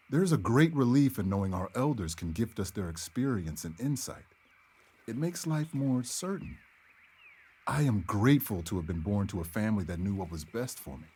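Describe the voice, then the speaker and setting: A man playing an earnest, calm healer in a stagey period drama, speaking in measured, formal phrases. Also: on the low side, husky. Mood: serene, assured. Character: earnest young male healer, calm and devout believer in elders.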